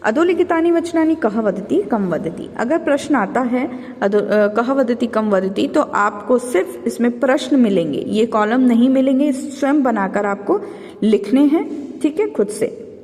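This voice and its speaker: A fairly high-pitched woman teacher, her tone mellow and dark, runs through revision exercises for her pupils. She poses questions and answers them herself, addressing the class as children. Her voice trails in a long reverb. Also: expressive, a little slow. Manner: explains step by step, asks and answers her own questions; calls listeners children. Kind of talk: exam revision lesson.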